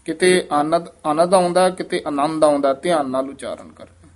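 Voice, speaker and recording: A man's voice: fairly high pitch, moderate pace. A man teaching the careful recitation of Sikh scripture, chanting verses and then explaining how each word should be pronounced. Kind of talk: correcting students' scripture recitation.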